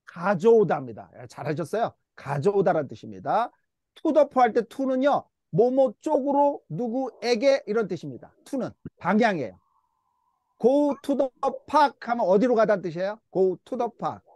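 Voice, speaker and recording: A man's voice: high-pitched, expressive, moderate pace, darkish tone, dry recording. A middle-aged man teaching an English Bible class at church, patiently coaxing the class to repeat words after him. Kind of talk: church English lesson, call-and-response drills.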